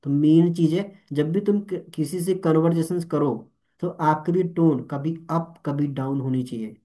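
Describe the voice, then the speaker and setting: Delivering motivational training to network marketers, a young man talks in animated Hindi peppered with English, often pausing to ask "ठीक है?" or "All clear?" His voice is a little high and his pace measured.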